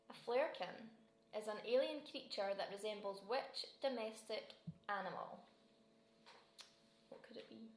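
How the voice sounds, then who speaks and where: A woman's voice: mid-range voice, animated, takes it slowly, long pauses, a little hiss or hum. A Scottish woman hosting a casual quiz, reading each question twice and laughing often. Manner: giggly, chatty, reads questions twice. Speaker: quiz host. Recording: roomy echo.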